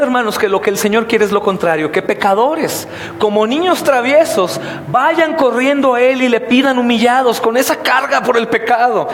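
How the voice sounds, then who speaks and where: Male pastor, high-pitched, animated sermon delivery with sudden shouts, long church reverb. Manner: animated, swings between hushed asides and shouted outbursts. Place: church hall.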